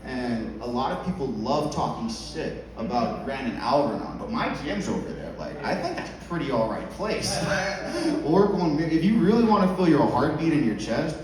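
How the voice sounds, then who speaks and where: A man performing rambling, informal stand-up with crowd work, swearing freely and breaking into giggly laughter. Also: medium pitch. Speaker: stand-up comedian. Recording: very echoey club, distant mic, audience noise.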